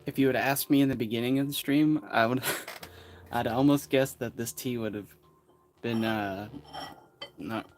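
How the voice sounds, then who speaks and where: A man's voice: mid-range voice, fairly even intonation, a little slow, pauses often, a little mellow, a little hiss or hum. A man hosting a casual tea livestream, rambling and hesitant with frequent chuckles. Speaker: livestream host. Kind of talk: casual live-stream chat.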